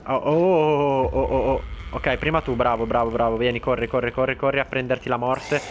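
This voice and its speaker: A man narrates a horror game in a chatty let's-play style, fairly quickly, taunting enemies and letting out sudden high yelps of alarm when startled. His mid-pitched voice is excitable, with faint game sounds and slight background noise behind it.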